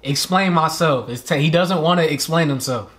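A man's voice: on the high side, normal speed, a bit bright. A man co-hosting a casual music video reaction, talking loosely and acting out quoted lines in put-on voices.

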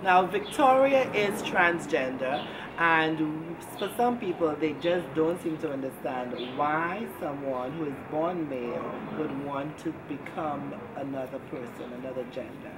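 A woman's voice: low voice, a little slow. A woman hosting a pageant interview, putting prepared questions and casual follow-ups to a contestant. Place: seated before a draped backdrop with potted plants. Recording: loud background noise, vehicle sounds.

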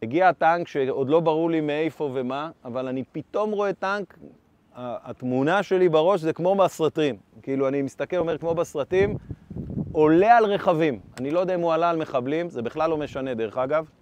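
A man in his fifties, a former tank brigade commander, giving an urgent first-person account of combat and re-enacting the shouted orders. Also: a little high, slight background noise.

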